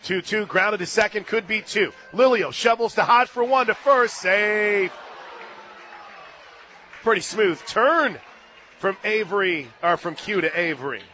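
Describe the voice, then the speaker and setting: An American radio announcer doing live play-by-play from a stadium booth speaks in a high, sharp voice, a little on the slow side. Behind him there is a ballpark crowd and faint music.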